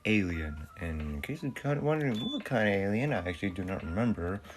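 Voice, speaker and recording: A man with a lowish voice chats playfully through a gameplay video, laughing and cursing casually as he comments. A faint hiss of noise sits under his voice. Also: sing-song, fast. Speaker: gaming video host.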